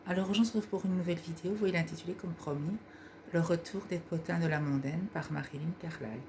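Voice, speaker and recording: A woman with a husky voice, hosting her own sketch video and talking casually to her viewers. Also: lowish voice, fairly even intonation, fast, noisy background. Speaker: sketch video creator and host. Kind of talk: casual vlog talk to viewers.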